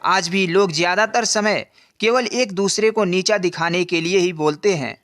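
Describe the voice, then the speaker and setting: A man voicing a wise old male guru in a storybook, gentle and patient, teaching in a measured way. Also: sits high. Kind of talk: scripted storybook narration.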